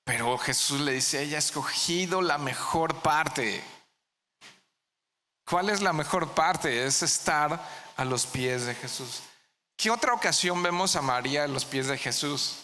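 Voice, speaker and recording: A man's voice: fairly high pitch, animated, unhurried, bright, forceful tone, big-room sound. A man preaching a verse-by-verse sermon as pastor, putting questions to the congregation and answering them himself. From Mexico. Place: church hall.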